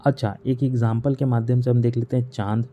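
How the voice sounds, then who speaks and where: A man's voice: mid-range voice, flat delivery, fairly quick. A man teaching a grammar lesson, patiently repeating each point and asking rhetorical questions. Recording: slightly dull recording with faint hiss.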